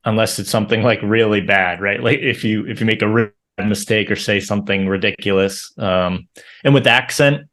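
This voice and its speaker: A man with a fairly low voice hosts a relaxed interview. He answers in a thoughtful, hedging way, with plenty of ums and maybes. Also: normal speed. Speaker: host. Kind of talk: casual conversational interview.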